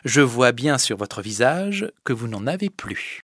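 A man's voice: mid-range voice, sing-song, a little slow, dry recording, clean studio sound. A man reading an audiobook, voicing a stern, commanding young village girl who scolds firmly. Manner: firm, scolding, then gentle. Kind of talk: audiobook character voice.

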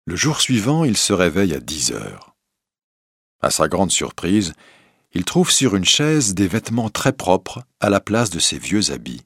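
A male narrator reads a fairy tale in slow, deliberate storybook style, his low voice gravelly with vocal fry. His intonation rises and falls widely, and the sound is close and dry. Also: huge pitch swings, fairly bright tone, no echo.

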